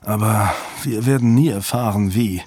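A man reading the lines of a thoughtful female cryptographer in an audiobook, speaking softly. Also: lowish voice, normal speed, husky, no room sound. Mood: pensive. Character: shaken female cryptographer, fiancée.

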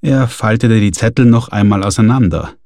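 A man reading a novel aloud as narrator in a measured, even storytelling manner. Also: fairly low pitch, dry recording, clean studio sound. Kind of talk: audiobook narration.

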